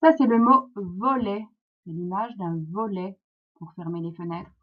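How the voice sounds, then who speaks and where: Woman, French accent, primary teacher, very slow encouraging delivery, muffled lo-fi recording. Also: medium pitch. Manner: slow, clear, encouraging, syllable by syllable. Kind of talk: phonics lesson for young children. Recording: dull lo-fi sound.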